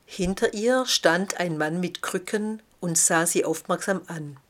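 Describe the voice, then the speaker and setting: A woman narrating a storybook in a calm, measured way. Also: lowish voice. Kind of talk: storybook reading.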